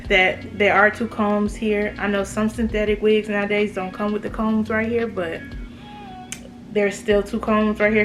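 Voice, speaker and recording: An American beauty vlogger with a mid-range voice reviews a product on camera in a casual, slangy, emphatic way. Braces give her speech a slight lisp.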